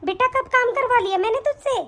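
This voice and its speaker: Brief: a woman doing an old cartoon mother-in-law, reproachful and scolding, very high voice. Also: a little fast, a bit bright, a little hiss or hum.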